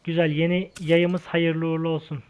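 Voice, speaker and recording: A young man giving casual, slangy gameplay commentary, shouting taunts and swearing during fights. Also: fairly high pitch, flat delivery, normal speed, smooth. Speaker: gaming channel host.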